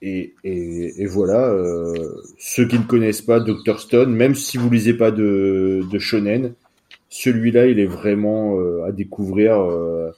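Warm low-voiced man, enthusiastic. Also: a little slow. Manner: enthusiastic, hesitant restarts. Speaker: podcast co-host. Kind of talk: casual chat about manga.

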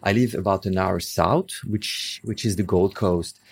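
A man's voice: deep voice, measured pace, husky. A man in his thirties from Congo, talking as a guest in a casual interview, rambling with many fillers and restarts.

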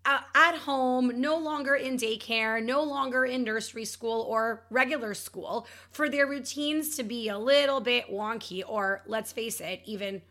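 A woman's voice: fairly high pitch, unhurried, few pauses, sharp tone. A woman hosting an advice podcast in an upbeat, instructive manner, stressing key words as she goes. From Ontario, Canada. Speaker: podcast host and child sleep coach.

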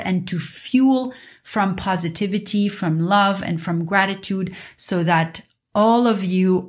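A woman podcast host teaching in an earnest, instructive spiritual guru manner, in a motivational monologue. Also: medium pitch.

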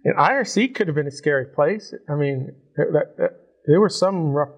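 A man's voice: a little high, moderate pace, husky. A man interviewing a guest, asking long rambling questions with frequent restarts. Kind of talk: casual interview.

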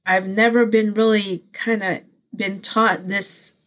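Hosting her own casual faith vlog, a woman born in the Philippines, whose first languages are Pangasinan and Ilocano, speaks at a slow pace in a level, mid-range voice that's a bit bright. She comes across as earnest and heartfelt, rambling and often using fillers and restarting.

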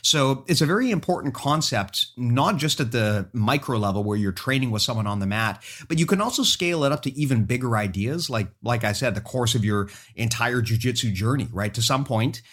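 A man co-hosting a casual podcast chat, explaining ideas in a steady, conversational way. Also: mid-range voice, a little fast, few pauses. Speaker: podcast co-host.

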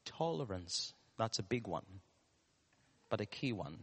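A man with a Ugandan, East African accent preaching a sermon, putting questions to the congregation, pausing and repeating key words. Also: lowish voice, big pitch swings, breathy edge. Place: large reverberant room, live church service. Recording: echoey hall with long reverb.

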